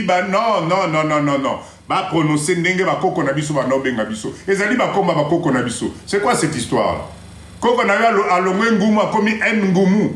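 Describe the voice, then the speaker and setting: A man with a fairly high voice hosts a motivational live stream. He talks in an animated way, drops into Lingala, and mimics other people. The sound is roomy and echoey. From Congo-Kinshasa. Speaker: live stream host giving motivational advice.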